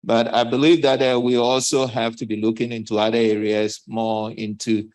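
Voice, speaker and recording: A man speaking as a panelist at a conference, a bit out of breath, halting with many fillers. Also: medium pitch, flat delivery, darkish tone, rough recording. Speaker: panelist from a development bank.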